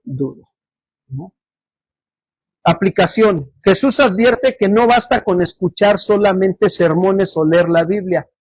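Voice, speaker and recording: Pastor guy preaching, high husky voice, keeps quizzing the church, dry sound. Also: slow pace, no room sound. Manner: asks the congregation questions and waits for answers. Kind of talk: sermon. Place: church service.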